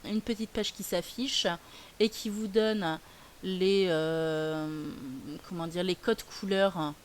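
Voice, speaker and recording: A woman explaining a software tutorial as a teacher, chatty and hesitant with many fillers. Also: on the low side, fairly even intonation, slow. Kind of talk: screen-recorded tutorial. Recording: faint hiss.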